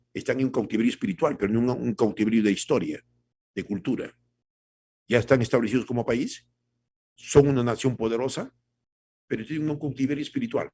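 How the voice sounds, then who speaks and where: A husky-voiced male pastor delivers a devotional sermon at a medium pitch. He preaches emphatically, repeats his points and calls his listeners brothers. His volume swings between forceful exhortation and soft, low asides.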